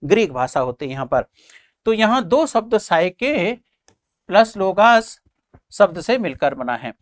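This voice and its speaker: A man's voice: sits high, very animated, moderate pace, dry recording, clean studio sound. A male teacher giving an exam-prep lecture, who keeps posing questions and answering them himself, repeating the key points and calling his listeners friends and children.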